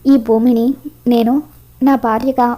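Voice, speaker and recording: A woman reading the lines of a defiant, angry young man in a flat way. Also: a little high, unhurried, close to an everyday voice.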